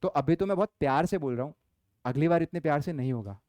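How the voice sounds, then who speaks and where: A young male lecturer, his voice smooth and clear and pitched a little high. He mixes Hindi and as he teaches, talking firmly to the class and slowing down to read exam questions. The sound is dry and close, with no room echo. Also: a little mellow. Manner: Hindi-English mix, firm scolding, reads questions aloud slowly. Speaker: commerce lecturer.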